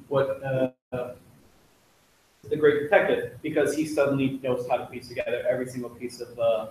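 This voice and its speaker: A man's voice: medium pitch, very echoey, a little hiss or hum. A young man giving a casual, joking club talk with slides, chatty and full of fillers, recorded from far off in a classroom. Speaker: student club presenter. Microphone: distant room mic.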